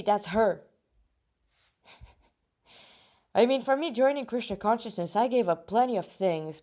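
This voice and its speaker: Here a woman with a dark, medium-pitched and slightly rusty voice reads a story she wrote. She keeps it casual, drifting into asides and often stopping partway through sentences.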